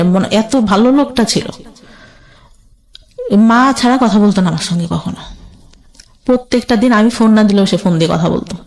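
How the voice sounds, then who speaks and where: Speaking with a Bangladeshi accent, this woman shares her life story as a conversation guest, relaying quoted exchanges of who said what in colloquial terms. Her pitch sits in the middle range, and her tone is darkish.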